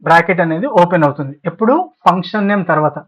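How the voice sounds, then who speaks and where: A man's voice: a little high, fairly bright tone, low-quality recording. Man teaching step by step with questions. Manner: keeps asking questions and answering them himself; repeats each point slowly. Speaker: spreadsheet tutor. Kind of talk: screen-recorded software lesson.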